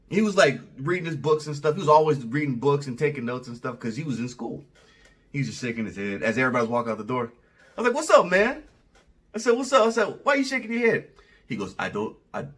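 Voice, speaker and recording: A man with a fairly high, lively voice delivers a rambling opinion monologue straight to camera. His talk is casual and animated, with big swings up and down in pitch. He sits a bit away from the microphone. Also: distant mic. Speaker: vlogger.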